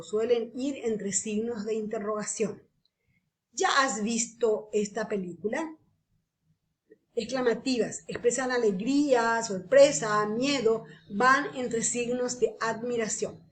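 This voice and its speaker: A woman from Paraguay gives a grammar lesson at an unhurried, deliberate pace. Her voice sits a little high for a woman. She keeps checking in with listeners through a soft questioning tag after each point. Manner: patient, explanatory. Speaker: teacher.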